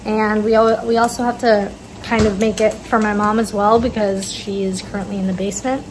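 Her delivery is flat, medium in pitch and a little fast. The teenage girl chats her way through a recipe step by step in her home kitchen, using plenty of fillers, recorded on a sometimes handheld phone camera amid echo and loud background noise.

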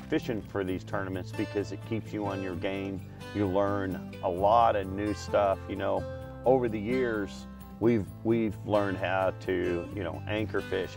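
A man who fishes catfish tournaments, talking in a relaxed, plain-spoken way on an open boat. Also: deep voice, vocal fry. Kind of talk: casual fishing show talk.

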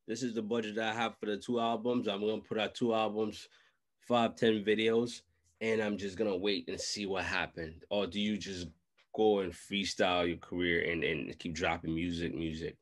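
A man hosts a casual interview over a video call from a small room at home, talking close to a large desk microphone. His voice is fairly low with a flat delivery at normal speed, and he speaks in slang, repeating phrases for emphasis.

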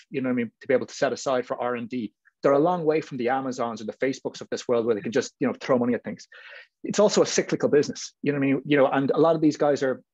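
A man with an Irish accent chats informally as a panelist on a video call, talkative and hedging with frequent "you know what I mean." His mid-range voice is darkish and slightly rough, and the call audio is muffled and roomy.

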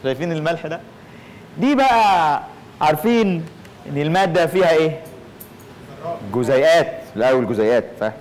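A man's voice: fairly high pitch, lively intonation, brisk, pauses often, a little mellow, a little hiss or hum, poor audio. A man with an Egyptian Arabic accent giving an informal lecture, playful and punning, slipping English phrases into his talk.

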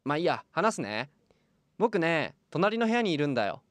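A friendly, lonely little boy in hospital, acted by a man for a tabletop game. The voice lifts high and lively, with childlike simple phrasing. It is recorded close and dry. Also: moderate pace, dry recording. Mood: friendly, eager. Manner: calling out and chatting in simple childlike words. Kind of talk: tabletop role-play. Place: small padded studio room. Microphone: close studio microphone on boom arm.

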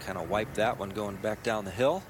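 A man's voice: on the low side, a little fast. A man delivering live golf commentary, describing shots as a golf commentator. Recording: clearly noisy outdoor broadcast.

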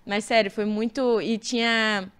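A young woman from Brazil, a singer, chatting as a guest in a relaxed podcast interview, animated and full of fillers. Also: a little high, unhurried, clean tone. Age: young adult. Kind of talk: casual interview chat.

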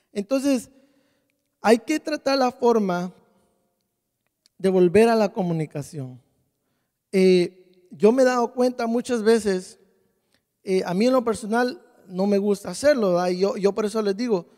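A man's voice: high voice, darkish tone. A man giving a conversational church sermon in a folksy way, repeating phrases and often checking in with his listeners. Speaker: church leader. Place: church hall. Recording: live church hall with long reverb.

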